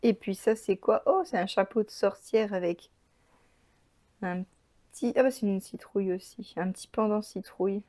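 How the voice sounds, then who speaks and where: Woman host, casual unboxing chat, mellow tone, eager and rambling. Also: mid-range voice, normal speed. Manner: chatty, enthusiastic, thinks aloud with many fillers. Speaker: crafting channel host.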